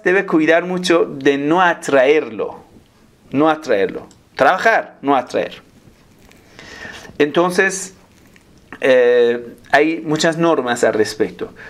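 A man giving a religious talk as a preacher, often asking listeners if they follow him. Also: medium pitch. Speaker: Islamic preacher.

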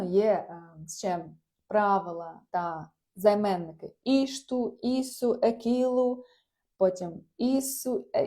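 A woman with a soft, mellow voice leads a casual online language class. She explains phrases patiently and laughs easily between examples. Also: mid-range voice. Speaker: Portuguese language teacher. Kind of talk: live online lesson, reading chat replies.

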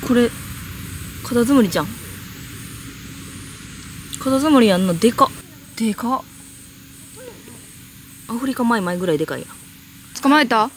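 Excitable Kansai woman, high voice. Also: normal speed, long pauses, a little hiss or hum. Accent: Kansai Japanese. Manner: excitable, chatty, jokey, shrieks in fright. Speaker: vlogger. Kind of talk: casual outdoor bug-hunting vlog.

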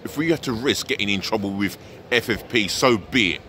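Man, football vlogger, bright edge to a lowish voice, exasperated, outdoors, faint street noise. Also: brisk. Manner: frank, exasperated fan venting about his team. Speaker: football fan vlogger, host. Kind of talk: pre-match vlog to camera. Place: outdoors by a large stadium, city plaza. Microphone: handheld camera at arm's length.

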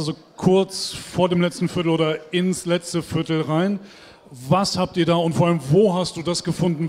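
A man hosting a postgame stage interview, asking chatty, lively questions into a handheld mic. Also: a little high. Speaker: arena host and interviewer. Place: stage in a large dark hall. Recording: long hall reverb.

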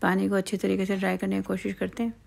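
A woman's voice: mid-range voice, completely flat delivery, quick pace, creaky, darkish tone. A woman hosting a home cooking channel, explaining each step in a chatty, casual way with frequent fillers, cooking outdoors at night.

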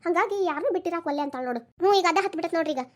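A woman's voice: very high voice, racing. A woman voicing an older mother who comforts her daughters with soothing, practical words, in a Dharwad Kannada accent. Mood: explaining. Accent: North Karnataka (Dharwad) Kannada.

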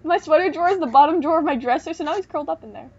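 A woman's voice: high-pitched, very fast, darkish tone, lo-fi sound. A young woman hosting a let's play, chatting casually and exclaiming in alarm at the game. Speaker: let's play host, player. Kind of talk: casual gaming commentary.

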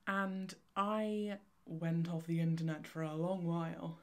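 A young woman from Cornwall with a Cornish accent, chatting to camera in a fast, chaotic, excitable vlog ramble. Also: on the low side. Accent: Cornish English. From Cornwall, England. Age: young adult. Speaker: vlogger, photography student. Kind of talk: casual vlog chat to camera. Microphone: camera on tripod.

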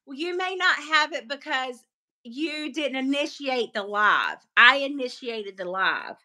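Woman in her forties, playful co-host, high and bright voice, phone at arm's length at home. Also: animated, a little slow. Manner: playful, teasing, unsure with the app. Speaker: co-host of the live. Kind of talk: casual live-stream chat. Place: living room at home. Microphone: phone held at arm's length.

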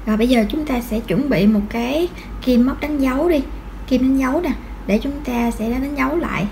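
A woman's voice: high-pitched, normal speed, gravelly, darkish tone, slight background noise. A woman giving patient step-by-step crochet instruction, counting stitches aloud. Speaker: crochet tutorial host.

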